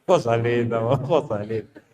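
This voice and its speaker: A male pastor preaching a sermon, hammering his congregation with repeated rhetorical questions and swinging between loud, high outbursts and slow, low statements. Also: a little hiss or hum.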